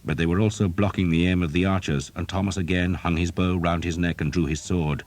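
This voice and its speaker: A man narrating an audiobook in a steady, dramatic storytelling manner. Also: low-pitched, a little fast, no echo. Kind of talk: scripted narration.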